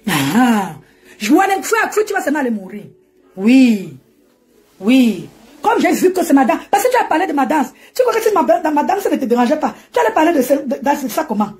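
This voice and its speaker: A woman's voice: high voice, sing-song, brisk, darkish tone, faint music behind. A woman ranting and mocking on a live stream from home, laughing often as she talks into her phone. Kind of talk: animated Facebook live rant.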